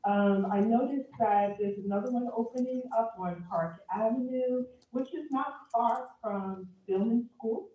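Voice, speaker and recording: A woman's voice: on the high side, unhurried, hardly any pauses, distant mic, a little hiss or hum. A woman calling into a town council meeting to ask a question, hesitating with many ums. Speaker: caller. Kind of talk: public comment by remote call. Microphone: remote call. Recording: tinny phone line played into an echoey room.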